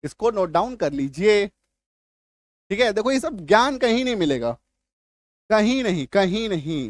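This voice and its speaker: A man's voice: high-pitched, no room sound. Man teaching, constantly checking understanding. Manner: keeps checking understanding with questions; repeats words slowly to drill pronunciation. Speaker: English teacher. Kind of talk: classroom-style video lesson.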